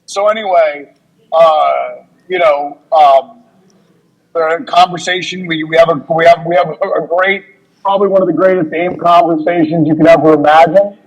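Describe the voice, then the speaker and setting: A man's voice: fairly high pitch, fairly even intonation, moderate pace, highs cut off. A man, a guest wrestler in a casual interview, rambling through a road story with many fillers and acted-out dialogue.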